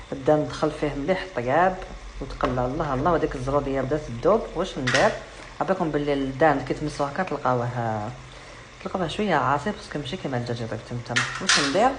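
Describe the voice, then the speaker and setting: A woman's voice: extremely low pitch, rapid-fire, slight background noise. A middle-aged woman with an Algerian Arabic accent, chatting casually and sassily while she cooks, teasing the viewer and slipping into French. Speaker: cooking vlogger. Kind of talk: casual cooking demonstration. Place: home kitchen with food frying. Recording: echoey kitchen, loud sizzling pan.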